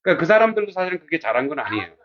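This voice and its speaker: A male pastor teaching a classics class in a casual, animated way, asking his students many rhetorical questions. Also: fairly high pitch, very fast, muffled recording, a crowd in the background.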